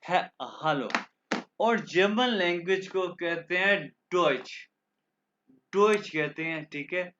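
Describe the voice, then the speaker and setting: A man from Pakistan teaches a language class in a bright, sharp voice pitched a little high. He spells out letters and phrases at an unhurried pace, repeating them for students to copy. The recording sounds dull and lo-fi. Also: slight background noise. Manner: repeats words slowly for learners to copy. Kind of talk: online language lesson.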